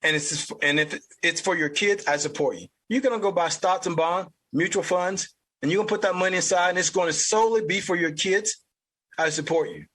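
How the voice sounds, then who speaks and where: Blunt Southern man, high bright voice. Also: a little fast. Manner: blunt, profane ranting. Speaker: podcast host. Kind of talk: opinion commentary.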